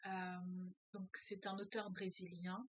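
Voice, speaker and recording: A woman with a medium-pitched voice that barely rises or falls takes her time reading a novel aloud, interrupting herself to comment. She teaches French as a foreign language, and her thinking-aloud speech is hesitant and full of fillers. The recording is dry.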